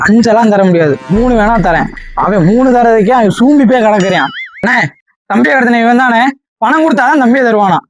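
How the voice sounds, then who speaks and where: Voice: mid-range voice, lively intonation, a little fast, soft background music, close to an everyday voice. A performer playing a fretful gang sidekick who keeps fussing and chiming in. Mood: fussy. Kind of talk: comedy skit acting.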